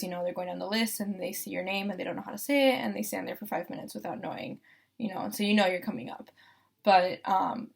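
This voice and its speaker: A young woman from Costa Rica speaks in a relaxed, chatty way as a law student. Her voice carries a noticeable vocal fry, and her talk is full of fillers and quick restarts. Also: mid-range voice. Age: young adult. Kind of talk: casual first-person testimonial.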